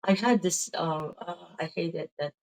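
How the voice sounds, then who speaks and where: A middle-aged Filipina with a lowish, slightly mellow voice talks at a moderate pace, tired and drained, about her faith. Her Filipino-accented speech is casual and rambling with plenty of "um"s and "right?" tags, captured on poor audio.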